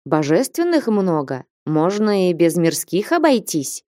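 A woman voicing a calm, accommodating male church singer in a storybook reading. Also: on the low side, a little slow, no echo, studio quality. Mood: mild.

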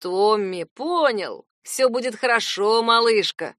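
A woman voicing a nosy, hotheaded young male cousin who keeps pressing with loud, insistent questions. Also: fairly high pitch, animated, slow, no echo, clean studio sound. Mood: scheming, mocking.

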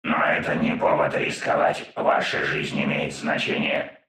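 A man voicing an old male cyborg in a flat, mechanical half-whisper with an echoing robotic filter, as in an audiobook. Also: extremely low pitch, unhurried, voice pushed down, heavily acted. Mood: grave. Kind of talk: audiobook narration.

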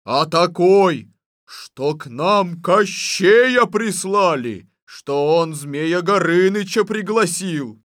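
A man's voice: high-pitched, lively intonation, slow, a bit bright, no room sound, clean studio sound, heavily acted. An actor playing fussy, bearded old boyars in an audiobook radio play, exclaiming and blustering as he speaks.

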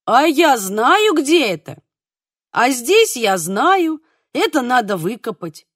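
A woman voicing an older mother who scolds in a shrill, raised voice. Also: very animated, slow, no echo, clean studio sound, full character voice. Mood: scolding.

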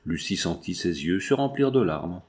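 A man narrating a novel as an audiobook in a steady, measured reading. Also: low-pitched. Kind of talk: scripted narration.

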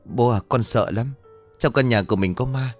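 A man's voice: medium pitch, moderate pace, soft background music, lightly acted. A man voicing a frightened young woman who pleads tearfully with her father in a ghost story. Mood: pleading.

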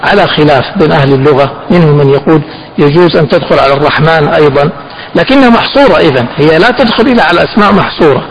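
A man teaching a fiqh text. He asks his students questions, answers them himself, and slows down to stress the key phrases. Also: fairly high pitch, expressive, poor audio. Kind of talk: classroom lesson explaining a text.

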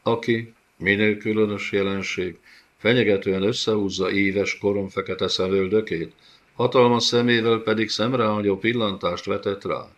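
Man, audiobook narrator, measured storytelling, very deep voice, dull lo-fi recording. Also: fairly even intonation. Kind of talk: scripted narration.

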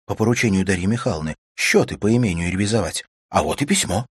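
A man reading a novel aloud and voicing a courteous, businesslike young gentleman in an even, matter-of-fact tone. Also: on the low side, fast talker, slightly rough, dry recording, studio quality, voice pushed up.

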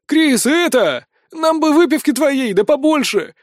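A man voicing a loud, brash warrior woman. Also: big pitch swings, moderate pace, no echo, clean studio sound. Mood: teasing. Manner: loud, booming threats and rough teasing. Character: brash, towering female mercenary warrior, loud and fiery.

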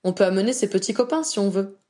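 A woman's voice: mid-range voice, animated, quick pace, dark tone, lightly acted. A woman voicing a sincere, worried young male wizard who speaks in a reassuring way.

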